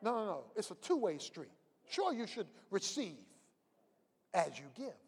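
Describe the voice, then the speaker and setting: A man preaching a sermon as pastor, swinging from shouted climaxes to quiet storytelling asides. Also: high-pitched, sing-song, measured pace, a little hiss or hum. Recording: long reverb of a large hall.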